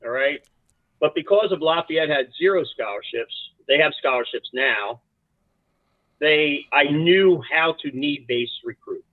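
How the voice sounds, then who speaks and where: A man from South Jersey, a college soccer coach, telling lively stories as a guest with lots of restarts. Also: a little high, a little slow, dry recording. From South Jersey, USA. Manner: animated, rambling anecdotes with many restarts. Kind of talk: casual storytelling interview. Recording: dry, tinny phone-like line.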